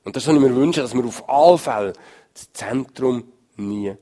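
A male preacher, giving an emphatic sermon that swings from loud stresses to low murmurs. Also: normal speed. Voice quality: gravelly, husky.

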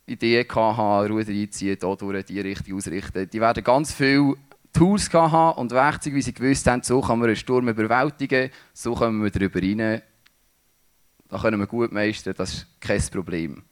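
A man giving a sermon, speaking in a halting way with restarts as he searches for words. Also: on the low side. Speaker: preacher.

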